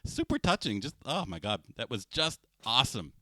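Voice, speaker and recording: A man's voice: medium pitch, big pitch swings, a little fast, bright, forceful tone, dry recording. A man in his forties co-hosting a live show-tunes stream from a home studio, heaping on praise with frequent laughs and fillers. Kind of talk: casual chat. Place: dedicated home recording space.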